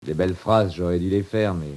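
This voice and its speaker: A condemned prisoner, proud and desperate, in an old-time radio play. He talks in a lowish voice and swings between bitter murmurs and sudden cries. The acting has the stagey, heightened delivery of 1940s radio. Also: brisk, a little mellow.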